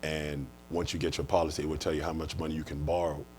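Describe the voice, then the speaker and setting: With a bass voice that barely shifts in pitch, this American life insurance manager talks fast and a little mellow as an interview guest. He explains his answers earnestly and conversationally, going back over his points, while a little hiss or hum sits in the audio.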